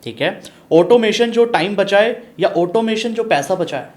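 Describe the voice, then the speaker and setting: A man hosting a business podcast, asking quick-fire questions and answering with short affirmations. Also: high voice, expressive. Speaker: podcast host, business coach.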